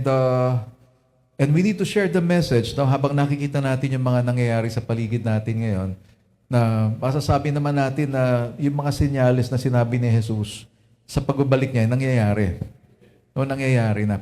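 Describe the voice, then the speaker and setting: A Filipino man delivers a sermon in easy Taglish, his voice mellow and dark. He keeps checking in with his listeners through little tag questions as he goes. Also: medium pitch. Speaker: preacher. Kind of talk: Lenten sermon.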